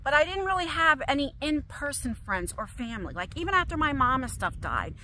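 Middle-aged woman, high voice, confessional vlog, emotional, rambling, frequent restarts. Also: sing-song, brisk, bright, forceful tone, a little hiss or hum. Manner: pacing while talking. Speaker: vlogger.

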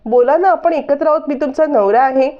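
A woman's voice: high-pitched, moderate pace, mellow, pitched above the performer's own voice, natural voice. A woman voicing an anxious young husband who pleads urgently, on dull lo-fi audio.

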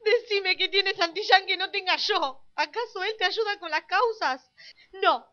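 A woman doing a volatile young Argentine lawyer, very high voice, bright and piercing, weepy melodrama, Rioplatense accent. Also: unhurried, lo-fi sound, exaggerated voice. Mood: furious. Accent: Argentine Rioplatense Spanish. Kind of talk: amateur parody radio-style drama.

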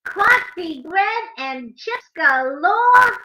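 A middle-aged woman hosting preschool storytime reads and talks in an emphatic sing-song, drawing out her words in a very high, pushed, bright voice. She's indoors in a home living room, recorded on a webcam or laptop at arm's length, so the sound is dull and echoey with slight background noise.

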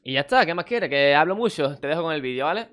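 A young man with a Spain Spanish accent rattles through his stories at a quick clip, in a voice a bit higher than most men's. He tells them jokingly and acts out the other people's voices. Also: background noise. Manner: jokey, animated, acts out voices in the story. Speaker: streamer and YouTuber. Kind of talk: casual anecdote storytelling.

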